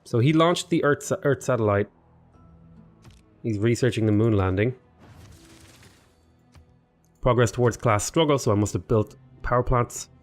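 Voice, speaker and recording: With faint music behind him, a male gaming YouTuber talks at a moderate pace in a mid-range voice, leaving long pauses. His casual let's play commentary on a strategy game rambles as he thinks aloud and speaks to his units. He's sniffly and seems slightly unwell.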